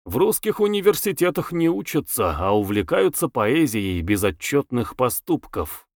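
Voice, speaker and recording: A man's voice: medium pitch, big pitch swings, normal speed, no echo, clean studio sound. Self-important educated young man, authoritative and lecturing, voiced by the reader. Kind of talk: audiobook character voice.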